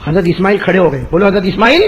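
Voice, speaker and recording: A man preaching a sermon, telling a story in an animated way and calling out questions for the audience to answer. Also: high-pitched, highs cut off, slight background noise. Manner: chants Arabic verses in a drawn-out melodic recitation. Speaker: Islamic preacher.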